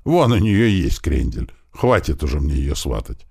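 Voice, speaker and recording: A man's voice: very deep voice, very animated, a little slow, gravelly, warm tone, breathy edge, dry recording, studio quality, exaggerated voice. Grumpy squeamish guy, male narrator, audiobook. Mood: grumbling. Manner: grumbling. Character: squeamish grumbling man.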